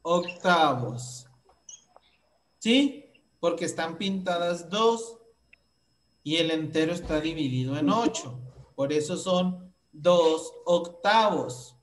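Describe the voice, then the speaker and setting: A woman's voice: on the low side, slow, a little hiss or hum. A Mexican woman teaching a math lesson to young children, asking questions patiently.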